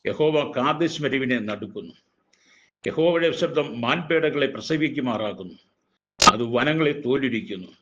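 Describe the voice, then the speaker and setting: A pastor reads a scripture passage aloud, a man's voice of middling pitch moving at an even, declaiming pace. The recording is dull and lo-fi, with the top end muffled. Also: a little hiss or hum.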